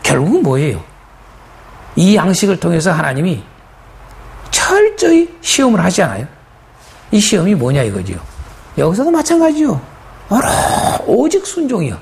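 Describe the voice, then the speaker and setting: Male pastor, lively high-pitched sermon delivery, repetitive and emphatic. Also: normal speed, gravelly, long pauses. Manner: emphatic, repetitive preaching with rhetorical questions.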